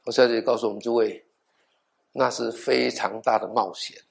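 A middle-aged man, a pastor, preaching a sermon in an animated storytelling way, acting out dialogue with half-joking asides and dropping in the odd English word. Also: mid-range voice, normal speed, gravelly. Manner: mixes in English words.

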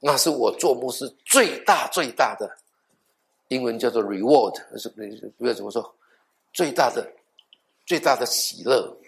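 A middle-aged man, a pastor, preaching a sermon in an animated storytelling way, acting out dialogue with half-joking asides and dropping in the odd English word. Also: mid-range voice, measured pace, gravelly. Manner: mixes in English words.

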